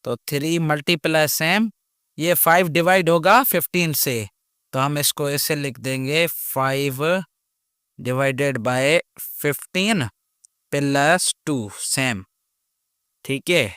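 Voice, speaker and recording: A male math teacher walks through a problem at a very unhurried pace. His voice sits a little high and comes through smooth and clear. He keeps pausing to ask whether students follow. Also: sharp tone, no echo, studio quality. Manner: slow, patient explaining with repeated check questions. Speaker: math teacher, channel host. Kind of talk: step-by-step math lesson.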